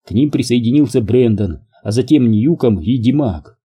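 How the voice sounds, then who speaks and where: A man narrating an audiobook in an even, measured reading. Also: mid-range voice, breathy edge.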